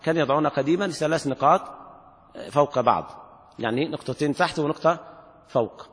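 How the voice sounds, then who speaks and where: Man, sheikh giving a recitation lesson, slightly high voice, slow drawn-out examples, long hall reverb. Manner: asks the class questions. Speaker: sheikh teaching Quran recitation rules. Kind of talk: classroom lecture explaining a text.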